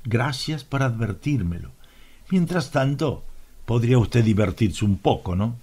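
A man's voice: mid-range voice, lively intonation, unhurried, darkish tone, breathy edge. Man as ironic, courteous Stendhal. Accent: Latin American Spanish. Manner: polite, ironic. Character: smooth, ceremonious host, Stendhal.

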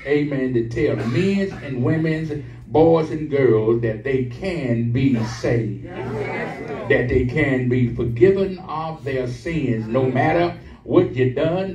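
A middle-aged guest preacher delivers a sermon from the pulpit of a large church sanctuary, his voice a little mellow as it rises in pitch and fervor through call-and-response with the congregation. It's captured on a pulpit mic but filmed from the pews, so the echoey sound is distant, with the congregation calling back throughout.

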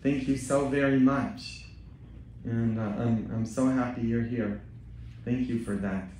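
Priest, middle pitch, preaching and joking with the pews, heard from afar in a very echoey church. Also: male voice, steady tone, a little slow, recorded from a distance, a little hiss or hum. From Poland. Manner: joking, bantering with the congregation, rising to loud exhortation. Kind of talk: Easter homily and parish announcements. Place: large church.

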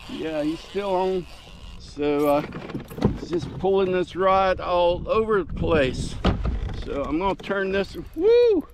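An older man narrating casually as he fights fish from a kayak on a lake, whooping with excitement, recorded on a mounted camera. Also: high voice, background noise. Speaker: fishing vlogger. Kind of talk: casual narration while fishing. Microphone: action camera mounted on kayak.

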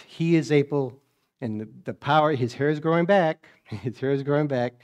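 A man's voice: mid-range voice, a little mellow. A man preaching a sermon in a church, telling a story in a folksy way and acting out its scenes. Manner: folksy storytelling, acts out scenes, chuckles often.

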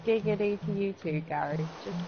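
A woman's voice: mid-range voice, a little fast, gravelly. A woman chatting and swearing at the game as she streams gameplay live. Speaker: gaming streamer. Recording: lo-fi stream audio with noise.

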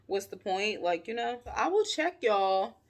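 A woman's voice: medium pitch, a little slow. A young adult woman, chatting casually and playfully to camera in her vlog. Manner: chatty, animated, playful asides. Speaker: vlogger.

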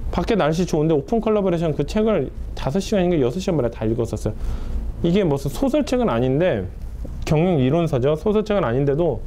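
A male lecturer in his forties talks through a business class at a brisk clip, dropping his voice to close each point. His pitch sits a little high and moves a lot, with a mellow, darker tone. A faint hiss runs under the classroom recording. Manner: emphatic, conversational, drops pitch at ends of points; paces back and forth while talking. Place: classroom in front of a whiteboard.

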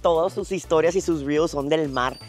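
Soft music plays behind a woman whose low voice is a little mellow and runs at normal speed. Wearing a lapel mic, the fitness vlogger strolls outdoors at a tropical resort, telling a travel story with plenty of chatter and laughter in casual vlog style.

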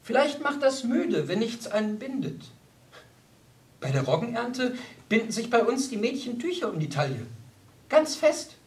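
A weary, elegant young countess, voiced by a male audiobook reader. She speaks softly and wistfully, her voice pitched high and swinging widely in melody. The mic sits at a slight distance. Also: very animated, moderate pace. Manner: soft, tired, wistful. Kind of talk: audiobook character voice.

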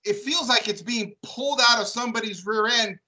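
A man co-hosts a casual discussion on church history. His voice is bright and forceful. He works through his points aloud and often checks in with "right?". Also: extremely high pitch, fairly quick, low-quality recording. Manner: thoughtful, builds questions with repeated "right?". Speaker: co-host.

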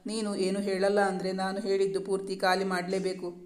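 A storyteller voicing a gentle, doting young male doctor who coaxes and soothes, in a flat, even tone. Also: high voice, a little fast, close to an everyday voice. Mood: ordering food. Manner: soothing, coaxing.

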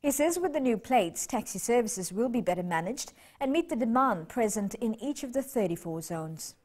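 A woman's voice: on the high side, lively intonation, moderate pace, a little mellow. A young woman anchoring a scripted television news bulletin in a studio. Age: young adult.

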